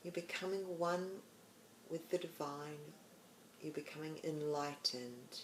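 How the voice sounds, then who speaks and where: Low-voiced Australian woman, meditation host, slow soothing guidance, roomy sound. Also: slight background noise. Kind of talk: guided meditation. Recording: roomy with faint background ambience.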